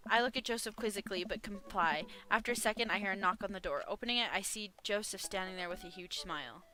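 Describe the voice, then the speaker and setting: A woman's voice: medium pitch, fast talker, sharp tone. A woman casually narrating a dating game aloud, giggly and self-deprecating. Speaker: gamer reading a dating sim aloud. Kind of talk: casual let's-play narration.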